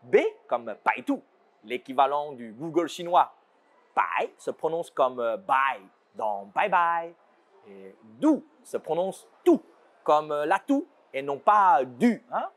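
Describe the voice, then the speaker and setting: Lively man. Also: a little high, slow. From China. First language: Chinese. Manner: lively explaining with playful asides. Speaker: show host. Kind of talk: scripted educational presentation.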